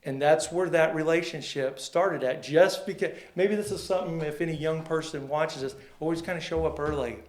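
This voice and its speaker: A man tells long, rambling stories as a guest, slipping into the voices of the people he quotes. His voice sits a little high for a man. The room rings with a clear echo around him. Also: normal speed, few pauses. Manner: rambling, folksy, acts out quoted dialogue. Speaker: sports photographer guest. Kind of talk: casual storytelling interview. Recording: roomy echo.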